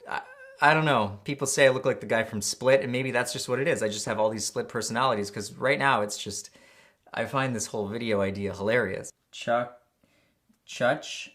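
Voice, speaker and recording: A man's voice: fairly low pitch, fairly bright tone. A male vlogger talking through a casual unboxing in a sarcastic, joking mood, stumbling over hard plant names.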